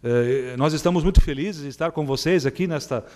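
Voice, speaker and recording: A man's voice: a little high, a little fast, darkish tone. Hesitant Brazilian man giving a ceremonial speech. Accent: Brazilian Portuguese. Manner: hesitant, with frequent filler sounds and restarts. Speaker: guest speaker at a church anniversary ceremony. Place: city council chamber.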